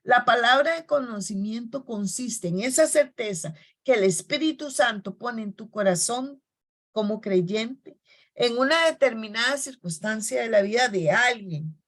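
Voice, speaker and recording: A woman preacher giving a sermon, telling personal stories in a soft storytelling manner and slowing down on key phrases. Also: on the high side.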